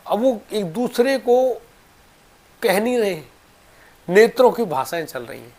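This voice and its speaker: A man narrating a devotional story, moving between hushed and raised delivery. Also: high-pitched, very animated, a little slow.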